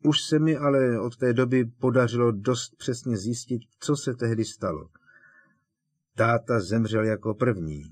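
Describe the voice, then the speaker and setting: Teen wizard boy, grim and pushy, kinda quiet, a guy reading it, dry sound. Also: medium pitch, no echo, close to an everyday voice. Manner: quiet, relentless, earnest.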